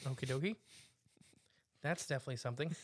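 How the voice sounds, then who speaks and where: A man's voice: medium pitch, quick pace, no room sound, studio quality. A man co-hosting a podcast in casual chat, rambling, laughing often and trailing off mid-sentence. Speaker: co-host.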